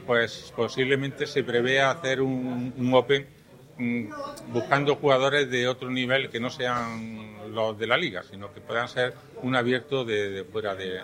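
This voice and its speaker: A man's voice: medium pitch, bright, forceful tone. Man explaining club plans. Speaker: tennis club organizer. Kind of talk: interview answer.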